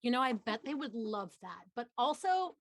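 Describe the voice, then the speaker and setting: Animated joking woman player. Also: on the high side, moderate pace, no echo, clean studio sound. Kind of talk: casual tabletop role-play.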